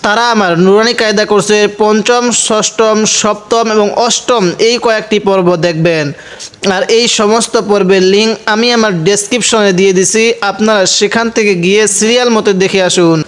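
A man teaching Quran reading, spelling out letters and vowel marks and then chanting the words slowly, asking questions and answering them himself. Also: high voice, fairly even intonation, fairly bright tone, clear, resonant tone. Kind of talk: step-by-step recitation lesson.

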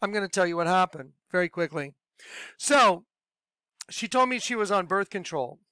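A man's voice: sits high, expressive, normal speed, bright, forceful tone, clear, resonant tone, no echo. A man earnestly telling his personal story as a religious testimony, often acting out what people said. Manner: earnest, acts out quoted dialogue.

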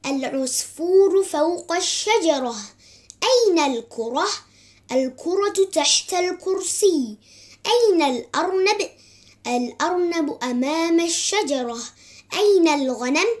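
A woman's voice: very high-pitched, animated, a little slow. A woman giving a vocabulary lesson, patiently drilling words in question-and-answer form. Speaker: teacher.

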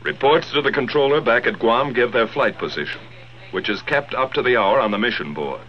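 An American man briskly narrates a dated 1940s military documentary film from a script, his voice at medium pitch. The soundtrack is dull, typical of 1940s film, with a loud score playing behind him.

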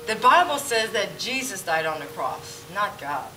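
In a mid-range, sing-song voice with a sharp tone, a woman speaks a little slowly. She's performing in an amateur church play, indoors on a church hall stage, as a skeptical dinner guest who questions everything she's told. A far-off camera picked up the audio, with music playing in the background.

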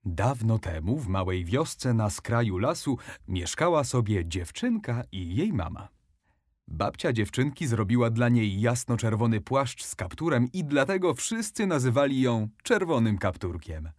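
A man narrating a children's bedtime story, animated and expressive. His pitch moves a lot, rising and falling with the story, at a middle height for a man. The recording is dry and close. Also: measured pace, no echo.

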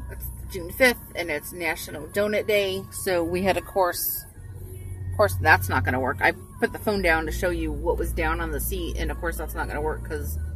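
Sitting in a parked car with the windows closed, a vlogger in her thirties rambles casually to her phone camera, held at arm's length, with many ums and restarts. Her voice is lowish and a bit bright. Faint radio music plays, and the distant, rough recording is noticeable.

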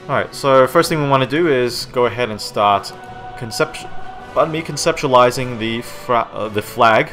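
Soft music plays behind this screen-recorded game-art tutorial, narrated at a moderate pace by an Australian man with a mid-range voice. Stuffy with hay fever, he rambles as he works, often correcting himself and filling pauses with "um" and "okay?"

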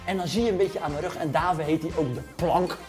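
With faint music behind him, a man in his thirties coaches children through a home workout in a gym, counting down reps and encouraging them. His voice is a little high and a little mellow, and he talks quickly. He's doing the exercises too and sounds slightly out of breath.

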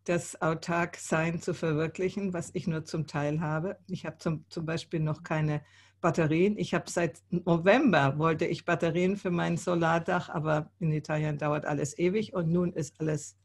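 Sixties woman, show host, relaxed conversational interviewer on a video call. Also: lowish voice. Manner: conversational, thinking aloud with fillers. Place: indoor room.

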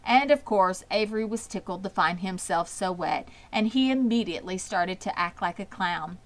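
Reading at a moderate pace, an audiobook narrator brings a children's storybook to life with an expressive delivery. Her voice falls in the mid range.

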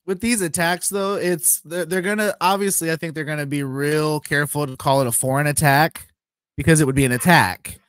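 A man's voice: a little high, steady tone, a little fast, fairly bright tone, clean tone, dry recording, clean studio sound. A man on a casual chat panel making joking, conspiratorial quips.

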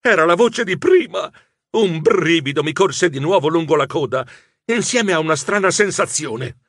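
A man narrating a children's audiobook in first person as a nervous mouse writer, in an expressive storytelling voice. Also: a little high, normal speed, no echo.

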